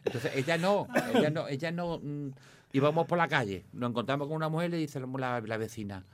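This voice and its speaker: A man telling lively family anecdotes, jumping into a higher voice to play his mother. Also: fairly quick. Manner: animated storytelling, acting out his mother in a high voice. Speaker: comic actor, guest. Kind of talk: casual anecdotes in an interview.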